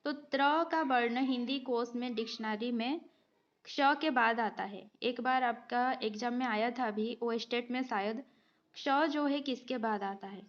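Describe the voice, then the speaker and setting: Working through multiple-choice quiz questions for exam prep, a woman teaches grammar in an unhurried manner with a somewhat high voice. She explains every step patiently and regularly checks in with her students, often just saying "okay." The audio sounds dull and a bit lo-fi.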